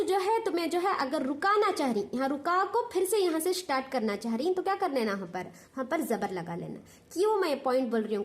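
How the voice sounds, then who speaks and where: A Hyderabadi woman with a high voice teaches Quran recitation, explaining the lesson step by step in Hyderabadi Urdu. She is patient and repeats herself, often checking with "understood?"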